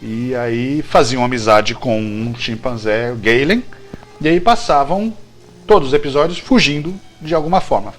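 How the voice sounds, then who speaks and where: A Brazilian man, a guest writer, shares behind-the-scenes history of a TV series in an animated, casual interview, often repeating phrases and checking in with the listener. His voice is medium-pitched at a normal pace, with faint music in the background.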